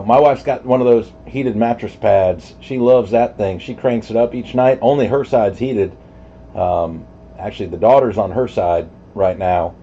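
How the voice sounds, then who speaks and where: A man with a fairly low, mellow voice chats casually on a CB radio channel in a rambling, easygoing way, with some hesitation. The audio is dull CB radio sound with faint noise.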